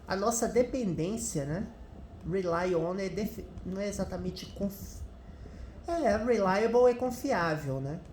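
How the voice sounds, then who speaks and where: Woman teacher, unhurried, explains patiently, roomy recording. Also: mid-range voice, expressive, a little mellow, a little hiss or hum. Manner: patient, explanatory, translating word by word. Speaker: English teacher. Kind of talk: commented reading of a news article. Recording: echoey room.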